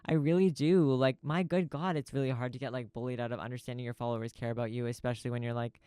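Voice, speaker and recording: A man's voice: mid-range voice, fairly even intonation, quick pace, dark tone, clean tone, dry recording. A man hosting a podcast in a small recording studio, rambling through a profane, stream-of-consciousness info dump. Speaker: podcast host. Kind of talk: casual rambling monologue.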